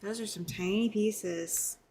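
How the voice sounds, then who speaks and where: A woman hosting a relaxed late-night livestream, chatting casually, greeting viewers by name and laughing often. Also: mid-range voice, slow pace, heavy background noise. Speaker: livestream host.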